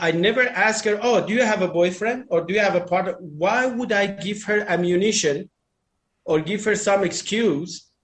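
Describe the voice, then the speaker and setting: A man's voice: sits high, a bit bright. A man chatting casually on a group call about dating, rambling with restarts and uneven phrasing. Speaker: dating talk panelist. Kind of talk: casual group chat, opinionated.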